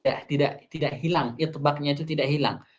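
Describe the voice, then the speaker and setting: A man teaching the rules of Quran recitation, reading Arabic lines and explaining them, slowly drawing out example words. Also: fairly high pitch, steady tone, highs cut off. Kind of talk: tajwid lesson explaining a classical text.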